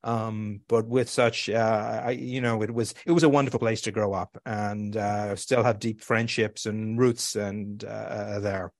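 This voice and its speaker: A man with a light Irish accent tinged with New York, giving halting, conversational answers as an interview guest. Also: on the low side, fairly even intonation, no echo, studio quality. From Ireland. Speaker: guest, executive of a community organization.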